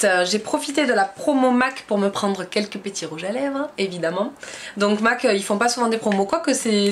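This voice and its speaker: A woman's voice: medium pitch, a little hiss or hum. Chatty young French woman vlogger. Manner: chatty and enthusiastic, many fillers. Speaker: beauty vlogger. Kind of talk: casual haul chat to camera.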